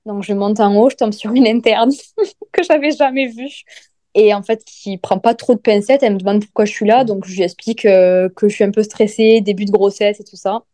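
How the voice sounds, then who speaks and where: Chatty woman with a mellow voice. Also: medium pitch, a little fast, no echo. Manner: chatty, many fillers, animated retelling. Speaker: guest telling her birth story. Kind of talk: casual podcast storytelling.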